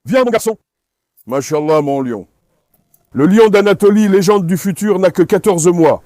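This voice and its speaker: A man's voice: sits high, animated, normal speed, dark tone, no room sound, clean studio sound. A man hosting a dog vlog, coaxing his dogs and instructing a helper in a casual, repetitive way, outdoors. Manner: coaxing, instructive, repeats himself. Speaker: dog channel host. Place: outdoors at an industrial site.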